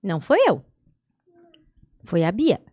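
A woman's voice: fairly low pitch, big pitch swings, takes it slowly, warm tone, no echo. A Brazilian woman in her thirties chatting casually as a podcast co-host, close to a studio microphone. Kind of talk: casual chat. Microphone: close boom-arm podcast microphone.

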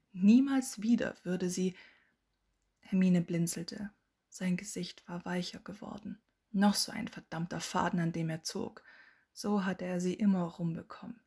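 A woman narrates a fan fiction audiobook with a husky, breathy voice. Her delivery is soft and often drops to a hush. Her pitch sits low for a woman. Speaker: audiobook reader.

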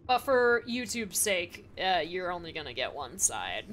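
A woman's voice: fairly low pitch, big pitch swings, measured pace, a bit bright. A woman streaming a video game from a room at home, chatting casually and laughing easily. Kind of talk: casual gaming stream chat. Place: home room with open window.

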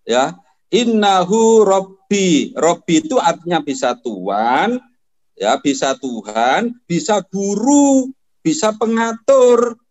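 Slow, lively, high-pitched debater, dismissive and lecturing. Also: male voice. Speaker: Islamic cleric in debate. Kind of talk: heated debate.

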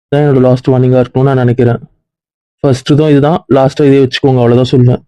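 A man's voice: mid-range voice, level tone, racing, mellow, smooth, no echo, lightly acted, rough recording. A man playing a stern male college dean who lectures and reproaches a student, in a web series drama. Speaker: actor.

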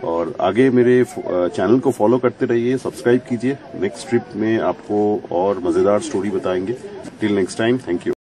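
A man's voice: lowish voice, moderate pace, a crowd in the background. A middle-aged man narrating his road trip vlog in a chatty way, asking his companions questions. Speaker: travel vlogger. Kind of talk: casual travel vlog narration.

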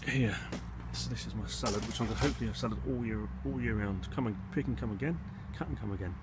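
An English gardening vlogger rambles through a casual video tour of his allotment and polytunnel, speaking fast in a low-key, slightly hesitant way as he thinks aloud. He's recorded on a handheld phone or camera from behind the lens, and the outdoor audio is noisy with wind and a background rumble.

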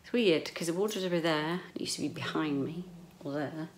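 In a slightly low voice and at a brisk pace, a middle-aged British vlogger rambles to camera, casual and playful, slipping in some mild swearing. The echoey sound comes from a small bedroom at home, captured on a handheld camera at arm's length, with slight background noise.

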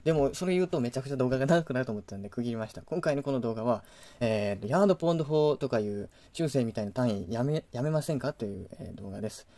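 A man's voice: medium pitch, dark tone. A man with a Kansai accent hosting a casual vlog, ranting in exasperation with sudden indignant outbursts. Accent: Kansai Japanese. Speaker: video host.

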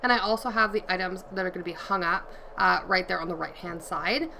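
A woman in her thirties chatting casually from her bedroom while folding laundry, relaxed and explaining as she works, recorded by a camera across the room. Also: lowish voice, a little fast, creaky, a little hiss or hum, poor audio. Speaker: vlogger and mother. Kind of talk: casual chat while cleaning. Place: home bedroom, indoors. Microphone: camera on a tripod across the room.

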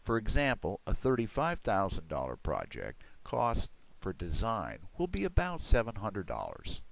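A middle-aged man reading a scripted promotional voice-over for his pool building firm in a measured, persuasive way. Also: medium pitch, vocal fry. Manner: measured, persuasive salesman delivery.

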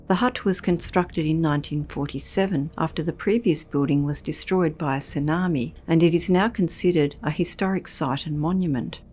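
A woman with a notably low voice tells a scripted documentary story. Her delivery is measured and ominous, paced like a spooky narration. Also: a little mellow, husky.

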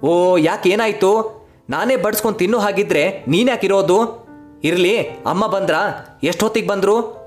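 A man's voice: sits high, moderate pace, long pauses, faint music behind, natural voice. A man voicing an angry, short-tempered grown son who scolds his mother in a harsh voice. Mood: gruff.

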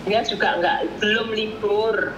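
Taking her time, a forties-aged former domestic worker tells her story in a medium-pitched, steady voice during a casual interview. Her telling rambles, with frequent acted-out voices of others and repeated uses of "Miss." The setting is a small room at home, and the recording sounds noisy, dull, and roomy.

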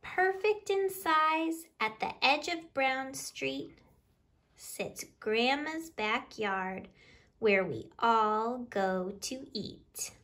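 A woman in her thirties hosts library storytime from a small living room by a window, reading a children's picture book expressively to young listeners a few feet from the camera. She draws out her words in a high, animated voice with a fairly bright tone.

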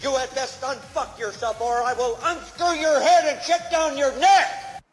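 A man's voice: very high voice, fairly even intonation, a little slow, soft background music. A man voicing a harsh, bullying army commander in an anime dub, barking like a drill sergeant. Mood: furious bellowing. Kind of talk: anime English dub acting. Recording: distant, reverberant film clip with loud background noise.

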